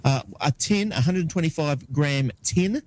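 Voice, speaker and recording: A man's voice: fairly high pitch, expressive, measured pace, darkish tone. Giggly man reading news. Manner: laughs often, reads items with hesitant fillers. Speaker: podcast co-host. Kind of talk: casual chat, reading news items.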